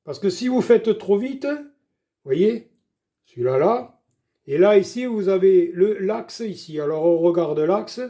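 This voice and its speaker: A man's voice: high voice, animated, unhurried, dark tone. An older man giving a chatty, folksy cooking demonstration in his home kitchen, talking viewers through each step. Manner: chatty, folksy, keeps saying "voilà" and "doucement". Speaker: home cook showing a recipe.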